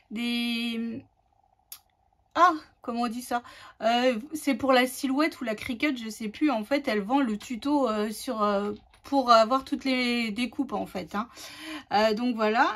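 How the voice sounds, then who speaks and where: A chatty woman hosts a casual craft tutorial, her voice sitting a little high. She rambles along with plenty of fillers and restarts as she explains her steps.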